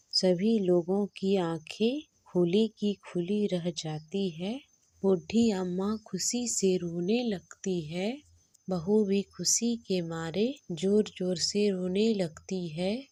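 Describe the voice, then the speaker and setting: A woman storyteller narrating a devotional folk tale in a measured, deliberate manner. Her pace is very slow and her tone mellow and dark. The sound is close and dry. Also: medium pitch, dry recording.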